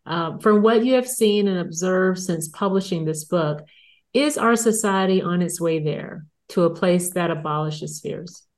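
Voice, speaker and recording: A woman hosting a book review interview, asking questions in a measured, polite way. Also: lowish voice.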